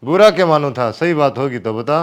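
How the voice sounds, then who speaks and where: An actor playing a grown village son who speaks in a worried, pleading way with a Haryanvi accent. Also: male voice, medium pitch, expressive, a little fast, close to an everyday voice.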